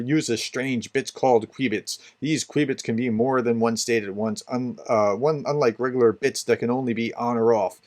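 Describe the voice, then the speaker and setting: A man hosting a beginner's software tutorial, chatting casually as he clicks through the steps. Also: medium pitch. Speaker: tutorial host. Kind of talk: casual screen-share tutorial.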